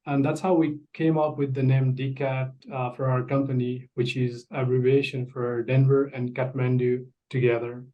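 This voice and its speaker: A man's voice: mid-range voice, flat delivery, normal speed, hardly any pauses. Man from Nepal, muffled call audio. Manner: earnest, formal phrasing. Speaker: engineering firm president, guest. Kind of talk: prepared interview answers. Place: home office, indoors.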